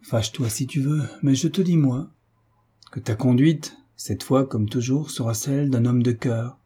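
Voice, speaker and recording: A man voicing a steady, loyal young friend in a read-aloud novel, firm and reassuring. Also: medium pitch, normal speed, slightly rough.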